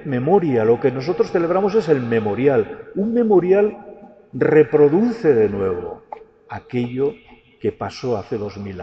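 A priest reads the gospel and preaches slowly and deliberately, drawing out key words, in a large church with a long echo. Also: male voice, medium pitch, dark tone. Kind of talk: gospel reading and homily. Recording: church with a long hall echo, dull and lo-fi, faint background hiss.

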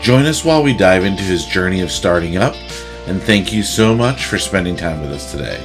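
Host: man, lowish voice, friendly and upbeat, soft music bed in places. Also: animated, a little fast. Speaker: podcast host. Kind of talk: scripted intro then casual interview. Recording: intro with faint music behind.

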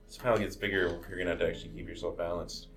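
Low-voiced man with an Arizona accent. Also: little pitch movement, racing, a bit bright. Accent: Arizona American. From Arizona, United States. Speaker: host of a group game session with interview. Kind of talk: casual chat while explaining and playing a video game.

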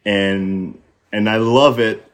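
A man's voice: on the low side, fairly even intonation, slow. A young man who grew up in Haiti with French and Haitian Creole as his first languages, a podcast guest chatting in a reflective way with many fillers and restarts. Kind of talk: casual conversation.

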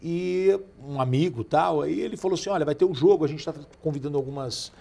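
Man in his forties, casual storyteller, slightly high voice, acts out quotes. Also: fast talker, vocal fry, dark tone. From Brazil. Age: 40s. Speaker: podcast guest.

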